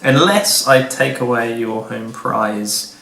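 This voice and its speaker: A man slowly and wryly plotting his moves aloud in a board game. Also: medium pitch, gravelly, bright, forceful tone. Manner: slow, wry, plotting aloud. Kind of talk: casual tabletop play chat. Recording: roomy room with faint noise.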